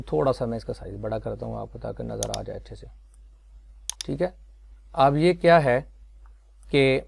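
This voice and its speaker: A man explaining a computer tutorial step by step, unhurried and with many fillers. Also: mid-range voice, vocal fry, a little mellow, dry recording. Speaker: software tutorial teacher. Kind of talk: screen-recorded tutorial.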